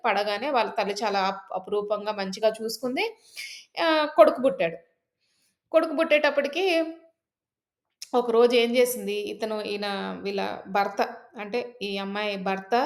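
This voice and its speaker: A woman storyteller telling a folk tale in a chatty, casual way, with many fillers and asides. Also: on the high side.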